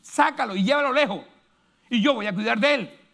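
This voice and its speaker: A preacher voicing God speaking to Abraham, reassuring and giving firm orders. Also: male voice, extremely high pitch, a little fast, vocal fry, sharp tone, exaggerated voice. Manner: commanding, reassuring. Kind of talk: sermon retelling.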